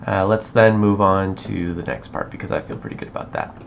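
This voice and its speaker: Man, live editing walkthrough, thinks aloud, mutters, lowish voice, faint background noise. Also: steady tone, fairly quick, gravelly, dull audio. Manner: thinks aloud while working, trails off into quiet mutters. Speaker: video editor on a livestream.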